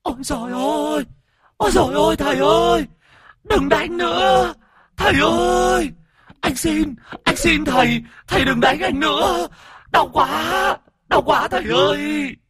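A man voicing the ghost of a young male addict possessing a woman, shrill and whining in a storybook narration. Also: measured pace, a bit bright. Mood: begging.

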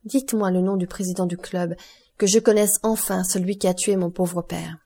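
A woman's voice: on the low side, fairly even intonation, normal speed, dark tone, husky. A woman reading an audiobook voices a young man, an anguished son pleading urgently to learn who killed his father. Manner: pleading, urgent, rising intensity.

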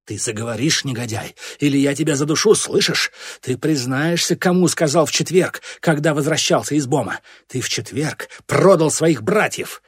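A man's voice: mid-range voice, expressive, normal speed, breathy edge, no room sound, clean studio sound. A man voicing a stern, scheming boy who leads a village gang and accuses and threatens his troops. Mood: threatening. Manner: commanding, accusing.

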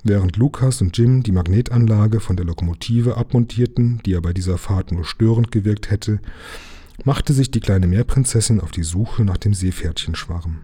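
Man reading a children's story aloud, low-pitched and husky, even storyteller delivery. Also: normal speed. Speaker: reader.

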